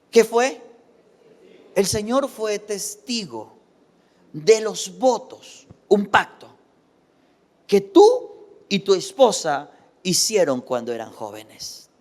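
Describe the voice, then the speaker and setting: A man's voice: sits high, a little mellow. A man preaching a sermon as pastor, emphatic and full of rhetorical questions. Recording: long hall reverb.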